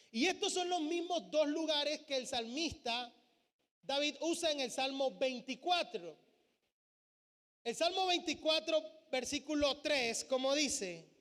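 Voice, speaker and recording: A man's voice: very high voice, bright, forceful tone. A man preaching a sermon as pastor, posing questions to his congregation. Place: church sanctuary. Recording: church hall with long reverb.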